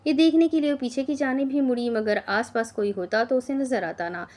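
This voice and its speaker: A woman reading a romance audio novel as narrator, in an expressive, dramatic manner. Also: fairly high pitch, brisk.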